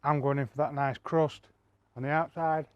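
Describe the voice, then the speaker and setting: A man's voice: a little high, moderate pace, highs cut off, slight background noise. Chatty man hosting a barbecue vlog. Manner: relaxed, chatty, addresses viewers directly. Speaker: barbecue channel host. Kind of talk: casual cooking vlog talk.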